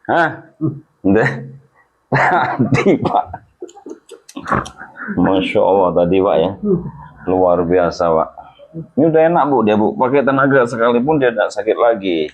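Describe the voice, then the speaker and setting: A man's voice: on the low side, animated, moderate pace, pauses often. A man, a therapist chatting during a hands-on treatment, joking and reassuring with frequent religious exclamations. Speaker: healing therapist. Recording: lo-fi, phone-like sound.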